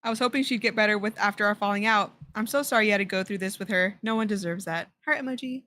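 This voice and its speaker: A woman's voice: medium pitch, fast, pushed and bright. A woman reading posts aloud in casual chat over a mic that keeps cutting out, so her volume comes and goes. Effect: mic cutting out, uneven volume.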